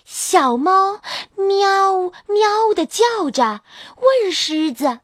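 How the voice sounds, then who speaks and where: A woman storyteller reading a children's storybook in an animated, sing-song, expressive way. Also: extremely high pitch, extremely slow, no echo, studio quality.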